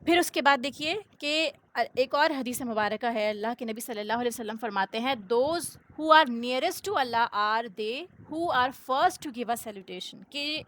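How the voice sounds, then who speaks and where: A woman's voice: on the high side, fairly bright tone. A woman teaching a religious lesson, explaining step by step, posing rhetorical questions and checking in with "okay?", with many English words mixed into her speech. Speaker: Islamic teacher.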